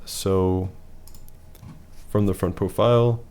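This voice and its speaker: Male presenter with a deep, hoarse voice, for a plain analytical voice-over. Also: fairly even intonation, slow pace, a little mellow. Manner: matter-of-fact, rating things one by one. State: losing his voice.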